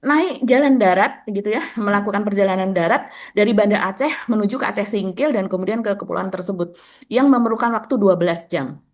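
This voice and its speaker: A woman co-hosting a political talk show, retelling news reports in a measured way with many hesitation fillers. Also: medium pitch, darkish tone. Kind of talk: political commentary discussion.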